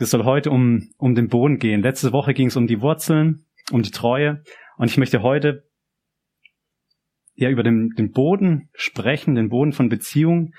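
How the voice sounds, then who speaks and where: A young preacher with a southern German accent gives a personal, conversational youth church sermon, often repeating and restarting phrases. His voice is mid-range with a darkish tone.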